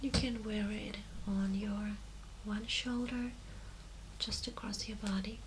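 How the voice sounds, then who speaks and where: Casting: woman, soft-spoken voice, very unhurried, ASMR role-play as shop assistant, noisy recording. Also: mid-range voice, fairly even intonation. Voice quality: soft, breathy voice, often soft-spoken. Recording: clear background noise.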